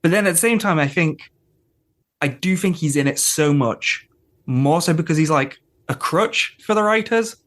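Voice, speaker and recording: A man co-hosting a podcast rambles casually about a TV episode in a conversational way. His voice is a little high, a bit bright and expressive, moving at a normal speed.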